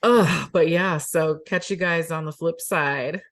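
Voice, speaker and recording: Woman host of a casual chat podcast, giggly and playful, low-set voice. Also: measured pace.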